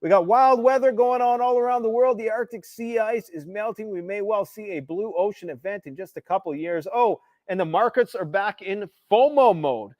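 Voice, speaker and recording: A man's voice: sits high, moderate pace, few pauses, no echo, lo-fi sound. A Canadian man hosting a political livestream, ranting emphatically and sarcastically about world events. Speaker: livestream host.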